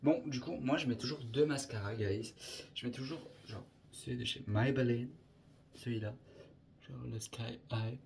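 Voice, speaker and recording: A young man rambles through a casual makeup tutorial, his voice sitting at an ordinary middle pitch. He keeps slipping English filler words into his chat. Faint background noise sits under the recording. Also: normal speed, creaky. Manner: chatty, scattered, peppered with English filler words. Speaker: makeup vlogger.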